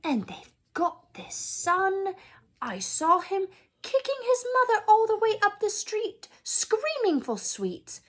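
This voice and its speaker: A woman's voice: very high voice, sing-song, slow, pitched above the performer's own voice, full character voice. A woman voicing a stern, anxious older witch professor from a storybook, emphatic and incredulous. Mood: appalled.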